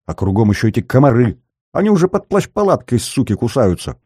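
A man's voice: mid-range voice, very animated, fast, mellow, husky, no echo, clean studio sound, voice pushed up. A man voicing a whining injured young male soldier, plaintive and groaning.

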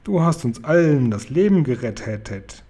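A man's voice: mid-range voice, big pitch swings, measured pace, mellow. A man voicing a kind, clever big friendly giant who eagerly gives orders and twists words playfully, read from a storybook. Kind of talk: storybook reading aloud.

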